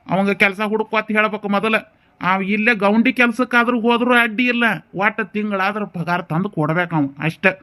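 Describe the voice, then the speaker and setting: A middle-aged village father, voiced by a man in a cartoon, stern but tender as he coaxes and reassures. His voice sits fairly high and he speaks with a North Karnataka Kannada accent. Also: pushed and bright, clear, resonant tone. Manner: coaxing and reassuring. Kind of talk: cartoon voice acting.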